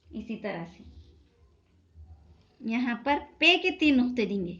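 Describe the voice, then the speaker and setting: A woman's voice: on the high side, very animated, slow, fairly bright tone. A woman teacher giving a lesson to children, speaking patiently and sounding out letters one by one. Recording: dull lo-fi sound.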